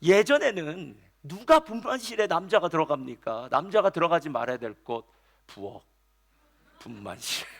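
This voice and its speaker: A middle-aged man preaching a Sunday sermon as senior pastor, with animated delivery that drops to soft storytelling. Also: a little high, normal speed.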